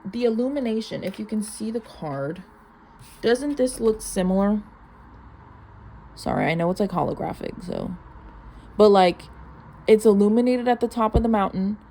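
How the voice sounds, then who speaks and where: The audio quality is poor, with clear background noise, as a young woman in a warm, mid-range voice delivers a chatty tarot reading. Her interpretation of the cards is mystical, informal, and rambling, peppered with "like."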